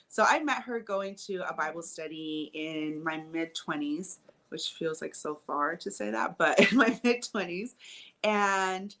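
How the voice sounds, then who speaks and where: A woman co-hosting a podcast, chatting casually and laughing as she tells stories. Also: medium pitch. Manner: warm storytelling, frequent laughs. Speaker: podcast co-host.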